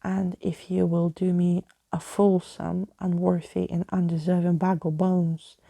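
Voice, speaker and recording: A woman's voice: on the low side, little pitch movement, a little slow, creaky, mellow, no echo. A woman voicing a gallant old skeleton adventurer from a storybook, with florid, old-fashioned phrasing. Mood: earnest, grand.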